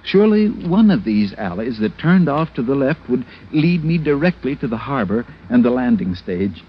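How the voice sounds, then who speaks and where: In a muffled vintage radio recording with music, a middle-aged actor plays a timid, fussy American tourist in a 1940s radio drama. His mid-range voice is sing-song and slightly rough at a normal speed, and he narrates in first person, hesitant, stammering, prim and flustered as he anxiously recounts his misadventure.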